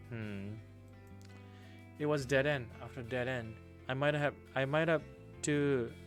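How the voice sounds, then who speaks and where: A young man streaming a game, reading the story aloud and reacting with casual swearing and loud outbursts. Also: medium pitch. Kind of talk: let's play commentary and reading aloud. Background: game music.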